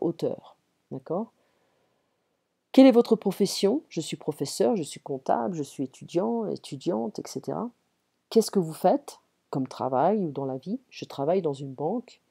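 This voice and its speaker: A woman's voice: fairly low pitch, dark tone, husky. A French woman teaching a one-on-one grammar lesson, patiently reading out example sentences and checking for understanding.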